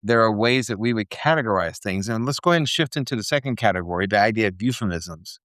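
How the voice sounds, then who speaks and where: This podcast co-host speaks fast in a lowish, animated, slightly bright voice, recorded in studio quality with no echo. He chats casually and at length, rambling a bit and making jokes at his own expense.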